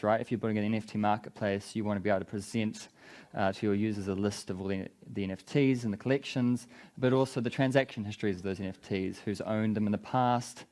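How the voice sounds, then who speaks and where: A man with a thick, broad New Zealand accent and a slightly low-pitched voice presents at a conference. He explains his product informally, as a speaker walking an audience through it. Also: a little mellow. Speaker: conference speaker, business development head.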